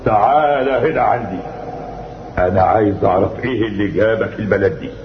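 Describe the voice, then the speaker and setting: A man's voice: on the low side, a little fast, lightly acted. An actor with an Egyptian accent playing a tyrannical, suspicious jinn king in a theatrical radio fantasy, imperiously barking orders. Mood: amused, commanding. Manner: imperious, barks orders, bursts into shouts. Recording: muffled, noisy, echoey old radio recording.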